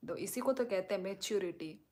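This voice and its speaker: A woman hosts a live stream, reading viewers' comments and speaking directly to them as she reassures and explains at length. Her voice is mid-range and a little mellow, and her pace is brisk.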